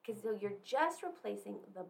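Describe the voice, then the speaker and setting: A woman co-hosting a podcast in casual chat, reacting quickly and asking clarifying questions. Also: medium pitch, animated, creaky. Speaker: podcast co-host.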